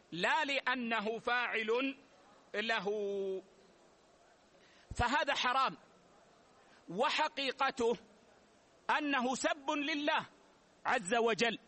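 A man, an Islamic scholar, giving a measured religious lesson and repeating key phrases slowly for his students. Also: very high voice, pushed and bright. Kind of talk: religious lesson explaining rulings.

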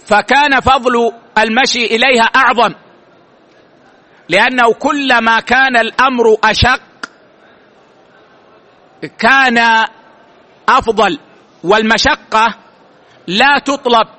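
Male religious teacher: high, bright voice, deliberate explaining. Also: fairly even intonation. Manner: slow and deliberate, repeats key words. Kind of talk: religious lesson commentary.

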